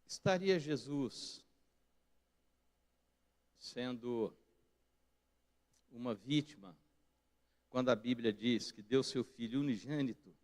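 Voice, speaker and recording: A man with a Brazilian Portuguese accent preaching a sermon as pastor in a church, moving between quiet reflective passages and loud emphatic peaks. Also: medium pitch, slow pace, long pauses. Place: church sanctuary.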